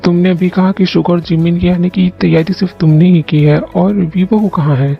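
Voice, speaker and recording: A calm middle-aged father who reassures his wife in a fan audio drama. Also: medium pitch, normal speed, vocal fry, muffled recording, soft background music, natural voice. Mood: soothing. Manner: soothing, reassuring.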